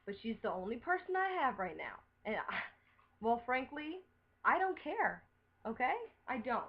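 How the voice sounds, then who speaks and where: A woman's voice: fairly high pitch, big pitch swings, normal speed, lo-fi sound. A woman delivering an upset, defensive rant to her viewers, swearing as she talks. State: upset, recently crying. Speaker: vlogger. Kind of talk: emotional webcam rant.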